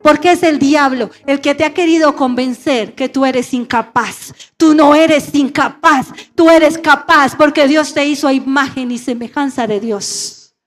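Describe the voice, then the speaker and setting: A woman's voice: high voice, unhurried, soft background music. A middle-aged woman pastor preaching a sermon and calling on her congregation to repeat phrases after her. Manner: call-and-response preaching, asking the congregation to repeat. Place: church sanctuary.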